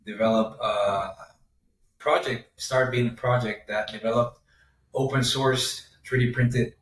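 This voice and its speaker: A young man, a podcast guest talking through his path in a measured way with frequent pauses. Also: medium pitch, fairly even intonation, fairly bright tone. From Honduras. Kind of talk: casual interview. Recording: roomy, distant mic.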